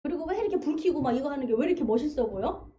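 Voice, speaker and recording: High-voiced woman pastor preaching. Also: racing, lo-fi sound, a little hiss or hum. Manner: conversational, animated storytelling with acted quotes. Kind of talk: sermon. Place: church sanctuary.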